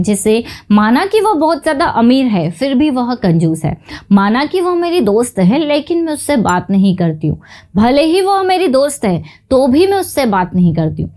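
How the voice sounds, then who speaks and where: A woman teaching English grammar in a bilingual lesson. She reads each English example out slowly, word by word, and checks in often with her listeners. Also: sits high, darkish tone.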